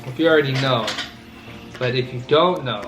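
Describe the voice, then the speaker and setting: Young man co-hosting an eating vlog. Relaxed, filler-laced talk, roomy sound, clear music behind. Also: medium pitch, normal speed. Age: 20s. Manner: easygoing, repeats "you know". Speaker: co-host, father. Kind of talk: casual chat while eating. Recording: echoey room with music playing.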